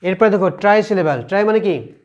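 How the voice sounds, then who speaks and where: A man's voice: high-pitched, animated, quick pace, dull audio. A man teaching an English lesson to students, explaining step by step, asking questions and repeating the answers. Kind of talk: classroom lesson.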